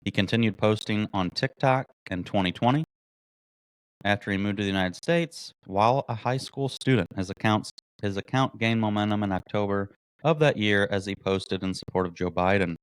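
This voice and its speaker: A man's voice: fairly low pitch, normal speed, smooth, no room sound. A man hosting a podcast, delivering a mocking, indignant political commentary monologue and reading articles aloud. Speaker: podcast host.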